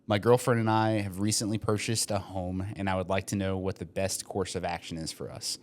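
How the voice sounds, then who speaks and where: With a low voice, flat delivery and a slightly fast pace, a young podcast co-host who is a mortgage lender reads listener questions aloud. His hedged, filler-heavy explanations are broken up by jokes and asides.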